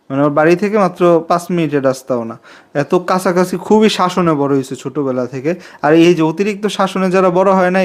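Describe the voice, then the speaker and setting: A man in his twenties talking to camera in a casual, confiding vlog, repeating himself and asking viewers to subscribe. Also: a little high. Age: 20s. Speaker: vlogger.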